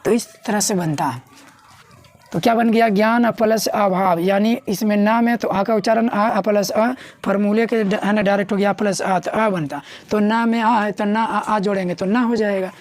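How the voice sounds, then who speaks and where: A woman's voice: medium pitch, steady tone, darkish tone. Woman teaching grammar, asking and repeating. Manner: repeats key words and asks the class questions; slows to spell out words syllable by syllable. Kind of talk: grammar lesson at a board.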